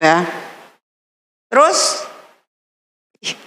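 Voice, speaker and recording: Slow-talking woman preacher in an echoey hall. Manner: animated, acts out quoted voices; addresses audience as "saudara". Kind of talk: storytelling sermon. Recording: reverberant large hall.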